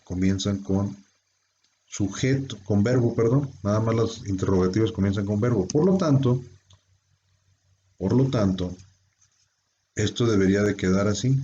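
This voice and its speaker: A male English teacher with a low, dark voice gives a classroom grammar lesson, working through it step by step and posing rhetorical questions. The recording sounds dull and lo-fi.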